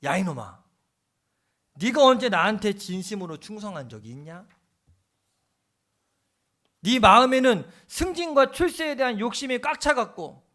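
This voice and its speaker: A man's voice: on the high side, voice pushed down, lightly acted. A male pastor voicing God as a stern father rebuking a man. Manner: rebuking, loud.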